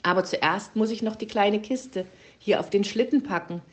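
A woman's voice: mid-range voice, moderate pace, natural voice. A woman voicing a cheerful, helpful young female gnome in a children's story.

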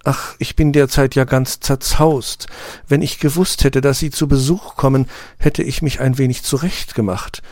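A man's voice: mid-range voice, fairly even intonation, normal speed, darkish tone, no echo, studio quality, voice pushed up, close to an everyday voice. Man playing a prim, tearful rose flower. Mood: flustered. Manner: formal, tearful, fussy. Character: proud, tender female rose flower. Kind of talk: audiobook reading.

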